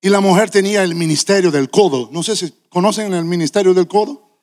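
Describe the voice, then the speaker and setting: A man preaching a sermon with passion, his delivery building up to shouting. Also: sits high, brisk.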